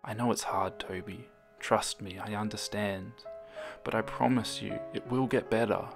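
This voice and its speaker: A man voicing a gentle grieving mother who speaks softly and soothingly. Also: lowish voice, fairly even intonation, slow, gravelly. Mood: tender. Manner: soft, hushed and soothing. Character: gentle grieving mother, middle-aged woman. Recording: background music.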